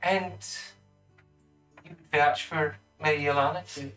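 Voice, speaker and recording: Slow-paced male game master. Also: fairly high pitch, fairly even intonation, a bit bright, recorded from a distance, soft background music. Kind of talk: narrating a tabletop game.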